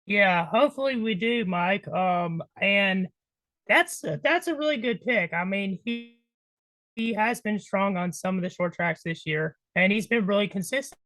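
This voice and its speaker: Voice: mid-range voice, unhurried, no room sound, rough recording. A podcast co-host chatting casually over a call, the audio choppy and cutting out mid-word. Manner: relaxed, uses fillers, trails off.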